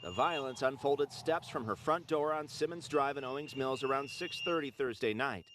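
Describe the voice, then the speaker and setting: A man's voice: mid-range voice, normal speed, noisy background. Male field reporter live outdoors. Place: outdoors in a residential neighborhood.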